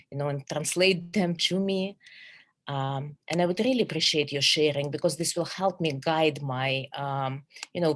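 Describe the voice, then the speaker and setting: A middle-aged woman from Russia, working as a psychologist, speaks in a deep, slightly bright voice with a Russian accent. Her webinar presentation over a video call is earnest and measured but riddled with fillers and restarts.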